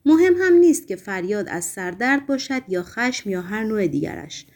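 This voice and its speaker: A woman reading aloud as a nervous, gentle middle-aged male hospital patient who talks in a fussy, reproachful, hushed way, in an audiobook. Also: medium pitch, sing-song. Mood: fretful.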